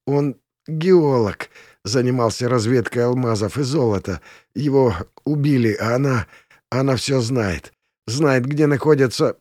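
A man voicing a wounded, desperate man who pleads in a hoarse, hushed and halting voice. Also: medium pitch, no echo, studio quality, voice pushed up.

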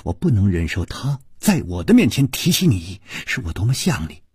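A man voicing a jealous, murderous young woman in a low, hissing whisper broken by soft laughs. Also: very animated, moderate pace, slightly rough, no echo, clean studio sound, exaggerated voice. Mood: venomous.

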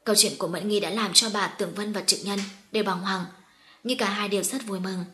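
A woman narrating an audio story in a steady, even reading voice. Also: medium pitch, brisk, slight background noise.

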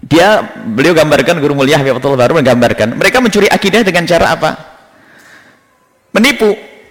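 A man's voice: a little high, a little fast. A man preaching a sermon, telling stories and mimicking the characters in them. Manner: animated storytelling, mimics characters in raised voice. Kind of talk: sermon with acted anecdotes. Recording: echoey hall recording.

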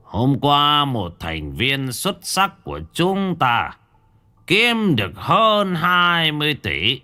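A man voicing a pompous middle-aged crime boss who speaks slowly and loudly. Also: huge pitch swings, faint music behind, exaggerated voice. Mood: menacing. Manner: slow, booming, measured.

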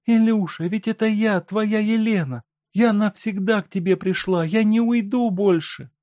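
A man's voice: sits high, moderate pace, darkish tone, no echo, voice pushed up, natural voice. A man reading aloud and voicing a desperate, tearful wife who pleads with a doctor for her husband. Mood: pleading. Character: desperate grieving wife, middle-aged woman.

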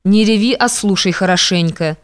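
A woman's voice: mid-range voice, normal speed, close to an everyday voice. Woman reading as a harsh domineering young man. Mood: stern. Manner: harsh, commanding, contemptuous. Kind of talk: audiobook reading.

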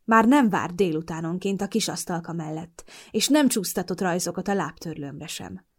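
A woman narrating a novel in the first person, in a calm, steady storytelling manner. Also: on the low side. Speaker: audiobook narrator. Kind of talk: scripted narration.

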